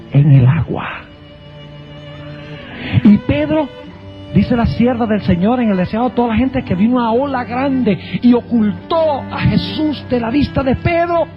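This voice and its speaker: A man preaching a sermon as pastor, dramatic and emphatic, slowing down to stress key words. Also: very high-pitched. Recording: dull lo-fi sound with faint music.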